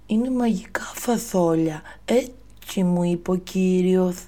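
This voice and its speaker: A woman's voice: fairly low pitch, mellow, pitched above the performer's own voice, natural voice. A woman voicing Jack, an eager and naive young boy, with a childish lisp.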